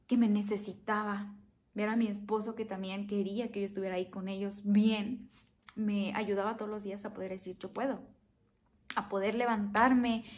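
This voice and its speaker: A woman's voice: mid-range voice, a little mellow. A young woman talking to her viewers, earnest and emotional, recounting a hard personal experience and repeating phrases for emphasis. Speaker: vlogger. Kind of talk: personal storytelling to camera.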